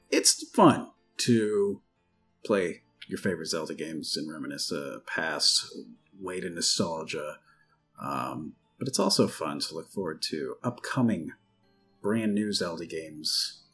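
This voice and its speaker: A man hosting a podcast in a casual, conversational style. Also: sits low. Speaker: podcast host.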